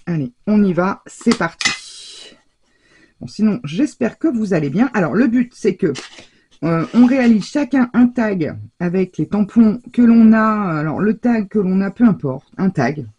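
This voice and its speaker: A woman hosting a casual crafting tutorial, chatting warmly to her viewers with many fillers and self-corrections. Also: mid-range voice, expressive, a little slow, a little hiss or hum. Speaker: crafting channel host.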